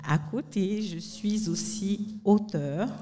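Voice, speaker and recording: A woman from Mali, an author appearing as a panel guest, speaks conversationally at a slow pace in a mid-range voice. It's a live recording in a university bar, with music in the background and a reverberant room.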